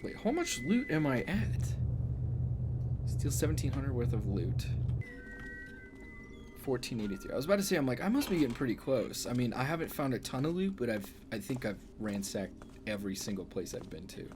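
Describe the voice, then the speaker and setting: Chatty man with a lively voice. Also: mid-range voice, brisk, music in the background. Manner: chatty, self-mocking, swears. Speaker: let's play gamer. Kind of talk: casual gameplay commentary.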